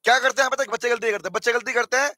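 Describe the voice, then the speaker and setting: Very high-voiced hoarse male teacher. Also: very fast, no echo. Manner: teasing, animated, quizzes students. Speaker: accounting teacher. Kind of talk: live online lecture.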